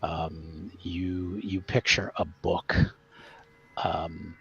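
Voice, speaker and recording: A man's voice: deep voice, level tone, extremely slow, creaky, fairly bright tone, slightly rough, dull audio. A man acting as game master, narrating a tabletop horror game to his players. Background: music.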